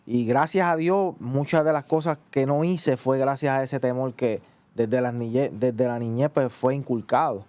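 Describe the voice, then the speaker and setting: A man with a Puerto Rican accent telling his personal testimony, halting and filling with "eh" and "pues". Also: medium pitch, a little mellow, smooth, no echo. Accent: Puerto Rican Spanish. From Puerto Rico. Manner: halting, many "eh" and "pues" restarts. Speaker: guest giving testimony.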